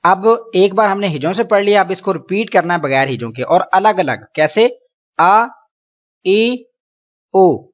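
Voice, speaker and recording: A man from Pakistan teaching Quran reading in an online lesson, explaining patiently with English words mixed in and drawing syllables out slowly for students to repeat. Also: high-pitched, highs cut off. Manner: slow drawn-out syllables for repetition.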